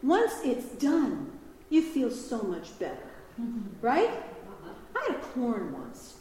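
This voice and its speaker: A woman gives a retreat talk in a large, echoing hall, her voice swinging high and low as she tells stories with humor. Her pitch sits a little high, and the long reverb of the room trails behind every phrase. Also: slow, slight background noise. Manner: lively storytelling with humor and laughs. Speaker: retreat speaker.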